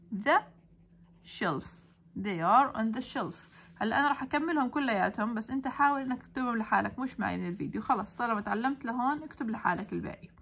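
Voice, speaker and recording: A woman teacher with a Levantine Arabic accent, giving a tutorial lesson. She dictates English answers slowly and carefully, then adds quick explanations in Arabic. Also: on the high side, fairly bright tone.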